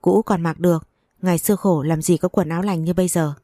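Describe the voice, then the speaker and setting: A woman voicing a caring, thrifty older mother who scolds gently. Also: lowish voice, steady tone, quick pace, no room sound, studio quality, lightly acted. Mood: kindly.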